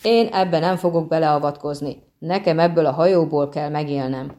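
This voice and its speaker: A gruff, stubborn ship captain who talks back coarsely, as a woman reader plays him. Read in a low, mellow audiobook voice. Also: close to an everyday voice. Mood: defiant. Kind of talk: audiobook reading.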